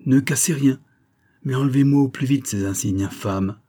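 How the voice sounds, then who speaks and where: A man's voice: medium pitch, normal speed, pitched above the performer's own voice, natural voice. A man reading an audiobook, voicing a pompous middle-aged pharmacist who protests indignantly. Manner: indignant, protesting, shouting at workers. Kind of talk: audiobook character voice.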